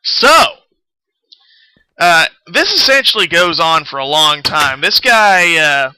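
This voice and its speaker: A young man with a Southern US accent tells a rambling story in a high, very bright voice. He swears freely, drifts off topic and has to find his way back. The tone is casual and chatty. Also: very animated, slow pace, clear, resonant tone, no echo, poor audio. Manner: rambling, profane, loses his thread. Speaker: streamer. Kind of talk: casual storytelling while gaming.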